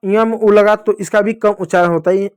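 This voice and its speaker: Male teacher for small kids, high-pitched, slow repeated sounds, dry room. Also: fairly even intonation, clear, resonant tone, no echo. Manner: slow drawn-out syllables for children to repeat; addresses children fondly, repeating sounds. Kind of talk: children's Hindi lesson.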